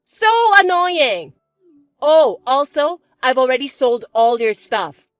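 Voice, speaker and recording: A woman putting on a shrill, spiteful stepsister. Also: sing-song, measured pace, no room sound, studio quality, faint music behind, full character voice. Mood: mocking. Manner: shrill, mocking and shouty. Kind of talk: chat-story voice acting.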